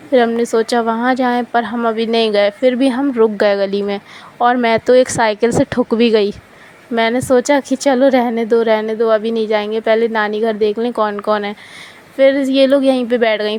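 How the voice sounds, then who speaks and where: Young woman vlogger, voice-over, chatty and casual, highish voice, fairly flat delivery. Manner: chatty, pointing viewers to the footage. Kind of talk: casual vlog voice-over narration.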